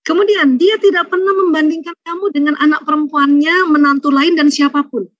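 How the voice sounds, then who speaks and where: A woman giving a lively religious talk, acting out little scenes and laughing often. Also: high voice, fairly quick, no room sound. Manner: lively, acts out quoted voices, laughs often. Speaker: speaker at an Islamic study program. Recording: dull, dry lo-fi sound.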